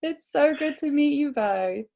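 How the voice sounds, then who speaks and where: Lady hosting a call, high voice, slow and encouraging. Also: animated, vocal fry. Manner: warm, encouraging, laughs often. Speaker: host. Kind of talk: casual chat on a video call.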